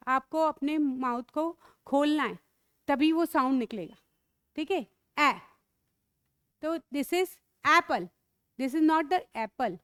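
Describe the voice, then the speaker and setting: A woman teacher leads a children's phonics lesson, drawing out each letter sound with great patience. Her voice sits high, and the recording is dry and close. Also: fairly bright tone, no echo. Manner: slow, drawn-out sounding of letters, mixing Hindi and English, calling pupils "beta".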